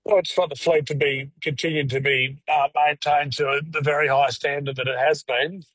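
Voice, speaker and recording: A man talking over a patchy phone line from his car. He speaks haltingly, repeating words and using many fillers, as a guest on a radio interview. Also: fairly high pitch, steady tone, fairly bright tone, breathy edge, dry recording. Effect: phone call from a moving car, dropping reception. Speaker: live cattle exporter, phone-in guest.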